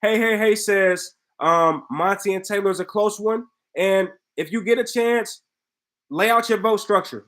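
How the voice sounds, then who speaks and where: A chatty, frank man with a higher, slightly bright voice hosts a casual live-stream, reading viewer comments aloud and answering them. The audio quality is poor.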